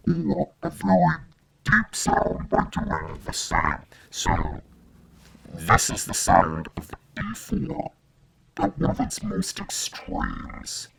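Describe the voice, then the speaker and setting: A man talking through a voice changer that shifts his pitch and formant, explaining settings step by step in a gear demonstration. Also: creaky, bright, forceful tone, a little hiss or hum, heavily acted, low-quality recording. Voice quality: electronically processed, unnatural timbre.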